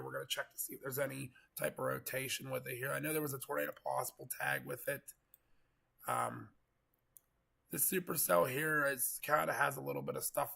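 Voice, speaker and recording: A man with a gravelly, congested voice from getting over a cold, giving casual, rambling live storm coverage commentary. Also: medium pitch, sharp tone. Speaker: live weather stream host, storm chaser.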